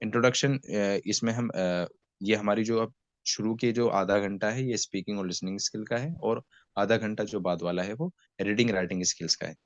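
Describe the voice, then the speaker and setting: A man teaching beginners Arabic in an online class, speaking with an Indian accent and patiently having students repeat words after him while fasting with a headache. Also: fairly low pitch, no echo. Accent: Indian Hindi-Urdu. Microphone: video call. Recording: dull lo-fi video call audio.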